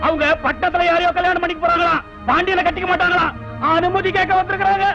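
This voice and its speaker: A domineering village father scolds his family in a very high voice. His shouting sits on a dull, lo-fi film soundtrack with loud music under it. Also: little pitch movement, quick pace, creaky. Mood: scornful. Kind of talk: 1980s film dialogue.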